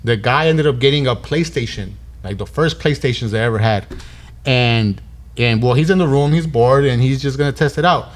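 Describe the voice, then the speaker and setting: Speaking at a moderate pace with a medium pitch, this podcast host in his thirties spins an animated, slangy story. He performs the dialogue as he quotes it.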